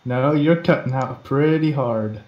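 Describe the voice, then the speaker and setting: A man's voice: medium pitch, a little slow. Guy on a glitchy call that keeps cutting out, blunt jokey co-host, roomy muffled sound. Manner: blunt, wisecracking. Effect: breaking-up internet call connection. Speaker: co-host on a live stream. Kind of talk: casual chat. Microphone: remote voice call. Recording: echoey, dull call audio.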